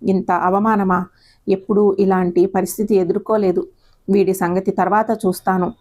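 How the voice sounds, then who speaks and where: A woman voicing a proud, domineering middle-aged mother in an audio story, with a warm tone. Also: mid-range voice, level tone, normal speed, natural voice. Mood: furious. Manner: commanding, domineering.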